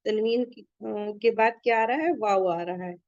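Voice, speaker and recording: A woman teaching Quran recitation rules step by step, reciting each word slowly and quizzing her students on the rules. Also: on the high side, a little mellow, no room sound, highs cut off. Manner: asks students questions and checks their answers. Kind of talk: tajweed lesson with recitation.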